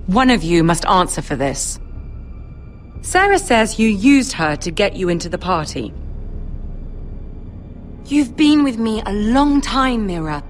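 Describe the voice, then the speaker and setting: Poised, slow-spoken young noble lady. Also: medium pitch, big pitch swings, faint music behind. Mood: grave. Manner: formal, measured, imperious. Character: poised, commanding young noble lady, betrothed future queen. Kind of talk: dramatic video game acting.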